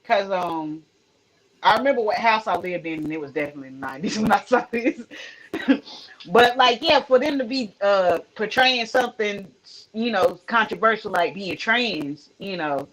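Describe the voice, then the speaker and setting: A woman's voice: mid-range voice, expressive, normal speed, a bit bright, poor audio. A woman co-hosting a casual talk show, chatting and reacting in an informal, slangy way. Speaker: co-host. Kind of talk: casual chat, reacting to a countdown.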